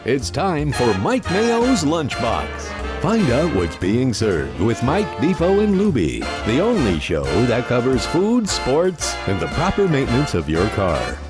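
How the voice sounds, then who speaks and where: A man announces the show in a slow, jokey way. His pitch swings widely. Loud music plays under his voice. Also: huge pitch swings. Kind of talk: radio-style show intro.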